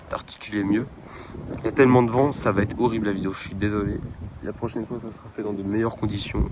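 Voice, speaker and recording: A young man from France chatting casually in a travel vlog at night, rambling with many hesitations and slang, filmed on a handheld phone outdoors by the water. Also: on the low side. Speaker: vlogger. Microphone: handheld phone camera. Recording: wind noise on phone mic. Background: wind and outdoor ambience.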